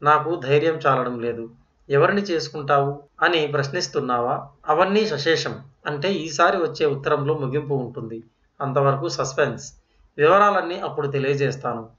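A man reads as a cheeky young woman writing to her cousin, teasing and mock-dramatic. The voice sits a little high. The sound is roomy and dull, like an old lo-fi storybook recording. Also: normal speed, fairly bright tone, natural voice.

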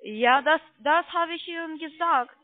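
Speaking in a high-pitched voice at a measured pace, a non-native woman with a foreign accent in German works as a call center agent and argues insistently, repeating herself in an unscripted phone argument. German isn't her first language. The dry recording comes through a tinny, narrow phone line.

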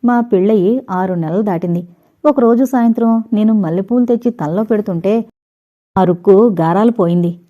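A woman's voice: mid-range voice, moderate pace, narrow, tinny audio, natural voice. A woman reading as a teasing young husband. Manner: teasing, chatty, mock-innocent. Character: teasing playful married young man. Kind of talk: audio novel reading.

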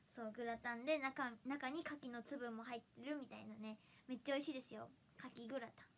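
A giggly young woman with a Hiroshima accent chats on her livestream, reading out viewers' comments. Her voice sits high and sounds bright and sharp. She is bubbly and laughs often between sentences. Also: slight background noise. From Hiroshima, Japan. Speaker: idol livestreamer.

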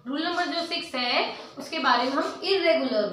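A woman teaching English grammar in an online lesson, switching between Hindi and English, reading rules out slowly and asking and answering her own questions. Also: high voice, a bit bright, heavy reverb, recorded from a distance, slight background noise, poor audio.

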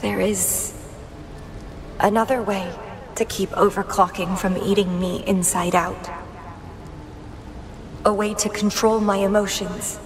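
In this dramatic video game performance, an actress voices a proud, obsessive young warrior woman who hungers for battle and struggles against her own decline. Her delivery is theatrical, brooding and deliberate, at a medium pitch with a level tone, sounding resolute yet wistful. Game music plays behind her, and the recording carries a long reverb.

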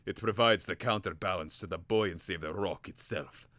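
A man's voice: low voice, moderate pace, sharp tone, dry recording. A man voicing a stern old male professor who speaks solemnly and declaims.

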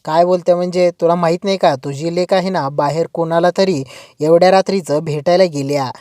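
A woman's voice: on the low side, fairly even intonation, fairly quick, warm tone, dry recording, studio quality, close to an everyday voice. A woman voicing a suspicious middle-aged aunt who taunts and accuses. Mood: accusing.

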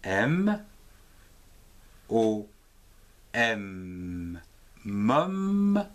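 A man teaching a slow reading lesson for early readers. He spells letters one at a time in a sing-song voice, rising on each letter and falling as he blends the syllable. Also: lowish voice, very animated.

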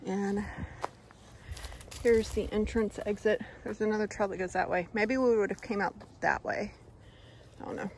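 A woman's voice: mid-range voice, steady tone, normal speed, pauses often, low-quality recording. A woman filming a casual hiking vlog, chatting and pointing things out on a wooded nature trail. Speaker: hiking vlogger. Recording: outdoor phone recording with noise.

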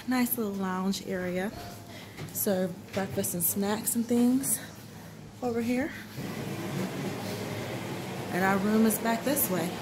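A woman narrating a casual travel vlog with a handheld camera, chatty and relaxed, moving through a hotel room and city streets. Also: medium pitch, slow, pauses often, noisy background. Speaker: vlogger. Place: hotel room, streets and shops, indoors and outdoors.

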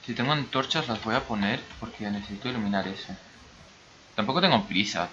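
A man's voice: on the low side, fairly quick, muffled recording, noisy background. A man from the Basque Country with a mixed Basque and Brazilian accent, chatting casually as he comments on his gameplay. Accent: mix of Basque and Brazilian Spanish. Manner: rambling, chatty, talks to himself. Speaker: gaming YouTuber.

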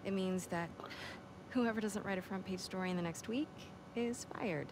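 Determined young woman journalist voiced by an actress, mid pitch, natural game dialogue, noisy ambience. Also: moderate pace, close to an everyday voice. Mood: sympathetic, concerned. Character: determined, frustrated young woman newspaper reporter.

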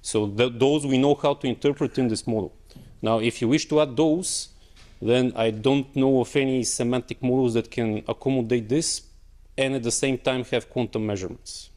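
A man's voice: mid-range voice, steady tone, moderate pace, darkish tone. A young man presenting at an academic conference and answering questions, talking in a hesitant way with many fillers and restarts, in a lecture hall. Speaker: conference speaker. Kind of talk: technical talk and Q&A. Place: lecture auditorium.

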